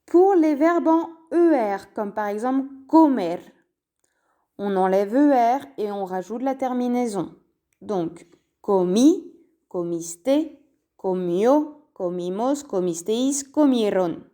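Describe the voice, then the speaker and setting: Slow, careful woman teaching a lesson. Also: fairly high pitch, expressive, mellow. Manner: slow, careful, spells out endings and repeats key forms. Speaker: Spanish teacher. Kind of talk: language lesson explained in French.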